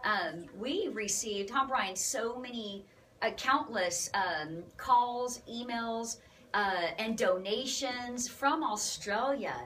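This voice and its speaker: Woman, ministry host, excited, preachy, higher voice, a bit off-mic. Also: slow, far from the mic, a little hiss or hum, rough recording.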